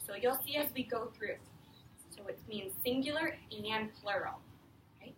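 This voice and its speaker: This woman teacher reads to young kids in a classroom with lots of echo, keeping her explanations simple and frequently asking them questions. She speaks at a normal speed in a slightly bright voice on the high side. A distant mic picks her up in the echoey room, with faint background noise.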